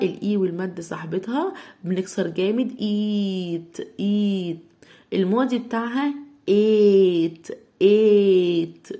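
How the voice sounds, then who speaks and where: A young woman with an Egyptian Arabic accent and medium-pitched voice teaches English to children, sounding out words slowly, syllable by syllable.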